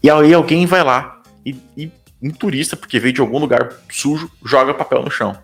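A man's voice: mid-range voice, fairly quick, faint music behind. A young Brazilian man with a Brazilian Portuguese accent, talking casually as an interview guest and leaning on fillers like "cara" and "tipo".

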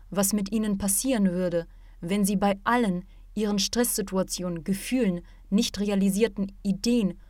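A woman reading an audiobook, voicing a calm, wise male martial arts teacher who lectures patiently and at length. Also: mid-range voice, no room sound, clean studio sound, natural voice. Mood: reproachful.

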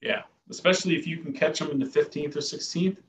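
A man's voice: a little high, fast talker, slight background noise. A man co-hosting a casual sports podcast, giving plain, firm opinions. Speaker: podcast co-host. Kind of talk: casual fantasy football chat.

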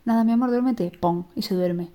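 A woman's voice: on the high side, fairly quick, mellow. Wry woman on a podcast. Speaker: podcast co-host. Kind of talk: casual chat.

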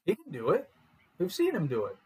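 A man co-hosting a podcast, chatting casually about wrestling in a joking, animated way. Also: high voice, fairly quick, husky, poor audio. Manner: joking, animated, laughs often. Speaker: podcast co-host.

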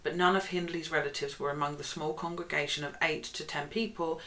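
A woman with a Northern English accent hosting a casual podcast, reading case notes aloud and breaking into loud mocking asides. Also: steady tone, brisk, slight background noise, low-quality recording. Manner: reads quotes aloud, bursts into loud high mockery. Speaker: podcast host.

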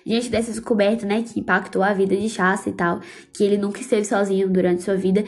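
A woman hosts a podcast and talks about a book in a heartfelt, fervent, casual way, dropping religious exclamations along the way. Her voice is medium in pitch with little rise and fall, and she speaks fast. It's emotional, casual book commentary.

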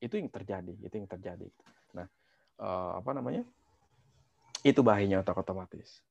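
A man's voice: sits low, brisk, creaky, darkish tone, highs cut off. A man working as a psychologist, explaining in casual interview talk, with frequent fillers, restarts and rhetorical questions.

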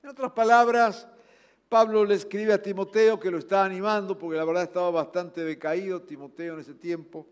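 A man with a Rioplatense Spanish accent preaching a sermon. He urges his listeners earnestly, rising loud and then dropping to soft, low passages. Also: steady tone, a little fast, clear, resonant tone. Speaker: pastor. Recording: long hall reverb.

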